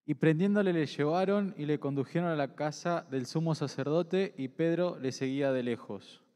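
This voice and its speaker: A man reading a long scripture passage aloud at a church meeting in a measured, even way. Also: a little high. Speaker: scripture reader. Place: church hall. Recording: echoey church hall.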